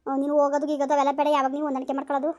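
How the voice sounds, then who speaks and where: A middle-aged woman with a high voice who speaks very fast. She holds a flat tone, firm and soothing, and says the same reassurances over and over on the phone. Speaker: aunt on a phone call. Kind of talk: consoling phone talk.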